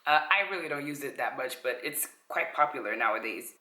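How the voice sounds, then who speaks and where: A woman's voice: a bass voice, lively intonation, a little fast, sharp tone. A young adult woman from Sweden talking casually to viewers at home, upbeat and often correcting herself mid-sentence. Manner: upbeat, self-correcting, addresses viewers directly. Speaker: vlogger. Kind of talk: casual chatty vlog explainer. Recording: echoey room.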